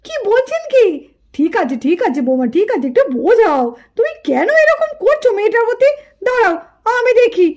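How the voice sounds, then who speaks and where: A woman voicing a gentle grandmother in a puppet cartoon who calms and coaxes the family. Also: extremely high pitch, a little fast, full character voice. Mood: coaxing. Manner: coaxing, calming.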